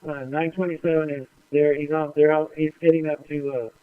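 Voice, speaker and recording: A man calling terse unit codes over a two-way walkie-talkie radio, halting with fillers. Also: a little high, little pitch movement, smooth, no echo. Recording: dry lo-fi radio transmission.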